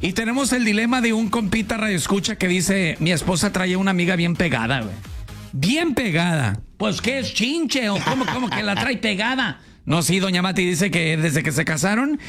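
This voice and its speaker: A Mexican man hosting a comedy radio show in a studio, with a high voice. He jokes around lively and reads out listener messages. Faint music plays behind him. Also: moderate pace. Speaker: radio host.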